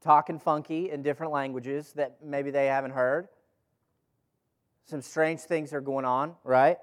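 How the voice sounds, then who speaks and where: A slightly high-pitched man speaks at a measured pace with fairly even intonation. He's leading a Bible study for a group in a room, reading scripture and teaching casually while asking rhetorical questions and repeating phrases to stress them.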